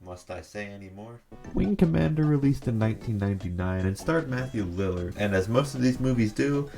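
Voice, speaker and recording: A man with a fairly low voice, marked by vocal fry, delivers scripted video essay commentary with music playing behind him. He sounds animated, opinionated and sarcastic, speaking a little fast.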